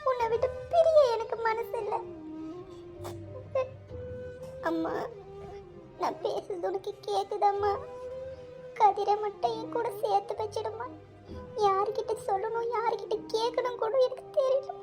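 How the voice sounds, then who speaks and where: A woman's voice: very high-pitched, normal speed, over music. A woman voicing a tearful, lovesick young woman in a cartoon, speaking. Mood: anxious. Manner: tearful, pleading. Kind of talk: cartoon voice acting.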